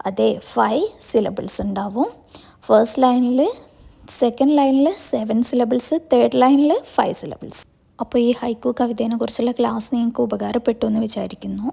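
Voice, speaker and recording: Woman teacher, question-and-answer style; mellow tone, fairly high pitch. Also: gravelly, husky. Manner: asks questions and answers them herself. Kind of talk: explaining a class lesson.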